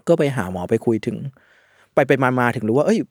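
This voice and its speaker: A man in his thirties telling stories in casual chat, with a sharp voice pushed from the throat and an animated, swearing-among-friends manner. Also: mid-range voice, fairly quick, slightly rough, dry recording, studio quality. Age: 30s. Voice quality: sharp throat-driven voice that tires easily. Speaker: podcast guest.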